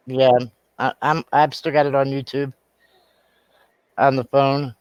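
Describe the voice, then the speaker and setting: Man with a flat, rambling, stuttering voice. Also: mid-range voice, unhurried, clear, resonant tone, dry recording, lo-fi sound. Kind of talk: casual live-stream chat.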